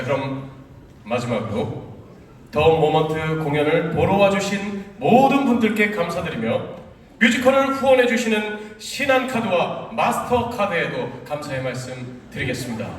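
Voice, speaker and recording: A man hosting a live prize draw on stage, announcing formally and politely with playful asides. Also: high voice. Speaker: host of a theater curtain-call prize draw. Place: large indoor theater stage. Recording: echoey theater hall, distant, noisy crowd.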